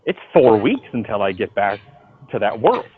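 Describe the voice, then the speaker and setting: Over a phone call interview, a man who writes comic books swears freely and tells animated, slangy stories about his own work in casual chat. His fairly low voice runs at a normal speed. The phone-quality sound carries a little hiss or hum.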